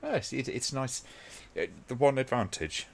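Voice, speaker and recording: A man hosting a casual watch-along live stream, talking to his chat in a relaxed, rambling way with many ums. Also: medium pitch, moderate pace, gravelly.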